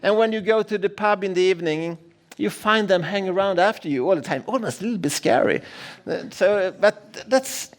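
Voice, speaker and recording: A middle-aged man delivers a conference keynote in a large room. His voice sits fairly high for a man, and he tells stories with dry, self-deprecating humor, stumbling over and restarting his sentences as he goes. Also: normal speed. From Sweden. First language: Swedish. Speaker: keynote speaker.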